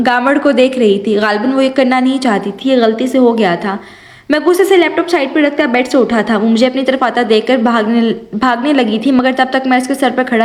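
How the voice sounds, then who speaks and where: A young woman narrating an audio novel with lively first-person storytelling. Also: high-pitched. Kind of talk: reading an audio novel aloud. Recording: roomy echo.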